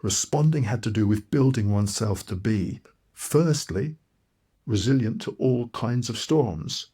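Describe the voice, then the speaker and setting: A man narrates his own story as an audiobook. His voice is husky and mid-pitched, and his delivery is earnest and reflective. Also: animated, unhurried, warm tone. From Malawi. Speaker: author and narrator.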